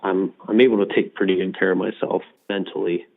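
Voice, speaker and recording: A middle-aged man with a lowish voice talks as a podcast guest, reflective and easygoing, with a ready laugh. He comes through a narrow, tinny phone line. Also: little pitch movement, fairly quick, creaky. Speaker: guest, mental health association director. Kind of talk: casual interview chat.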